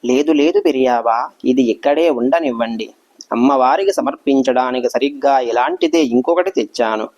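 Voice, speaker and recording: A man's voice: mid-range voice, moderate pace, a little mellow, lo-fi sound, lightly acted. A man voicing a grateful, humble devout woman speaking respectfully to a sage.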